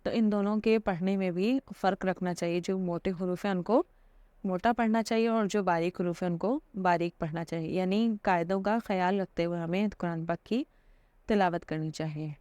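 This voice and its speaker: Calm low-voiced woman teaching religion. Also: dry recording, lo-fi sound. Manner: patient and explanatory, with many fillers and repeated "theek hai". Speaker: Islamic teacher. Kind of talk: informal religious lesson.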